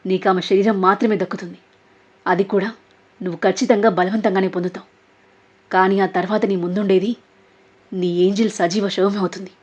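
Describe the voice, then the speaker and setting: A woman's voice: medium pitch, fairly quick, long pauses, natural voice. A woman voicing a proud, defiant young woman who speaks firmly and steadily. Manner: firm, steady. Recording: dull lo-fi audio.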